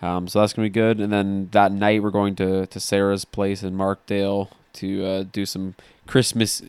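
A man's voice: low-pitched, monotone, normal speed, a little mellow, clean tone, no room sound. A young man in his twenties co-hosting a podcast, chatting casually and hesitantly with many fillers. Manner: hesitant, lots of ums and likes. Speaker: podcast co-host. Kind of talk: casual chat.

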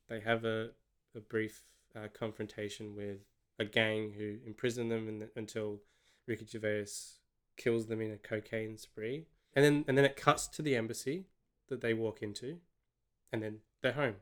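An Australian man reviewing a film in casual chat, his voice smooth and resonant. He talks sardonically and rambles, often restarting his sentences. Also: medium pitch, steady tone, moderate pace, fairly bright tone. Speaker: podcast co-host.

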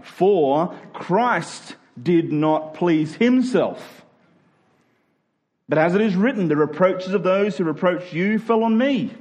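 Preaching to his congregation, this high-pitched man with a slightly mellow voice stays emphatic but conversational. He slows down to stretch important words and slips in informal asides throughout the sermon.

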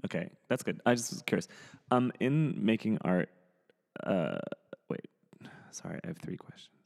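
A man with a very low voice asks questions in a loose, chatty, rambling way. His voice carries the long reverb of a big, echoing hall. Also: lively intonation, moderate pace, vocal fry, darkish tone. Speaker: interviewer. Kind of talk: casual chat.

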